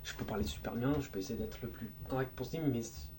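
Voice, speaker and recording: A man with a mellow, warm voice walks through speaking advice in a relaxed, informal way. He talks with plenty of expression and now and then drops a crude word. A faint hum sits behind him. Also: mid-range voice, quick pace. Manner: lively, demonstrates voices and tones as he explains; informal, occasional crude slang. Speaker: video creator giving speaking tips. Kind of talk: casual explainer video.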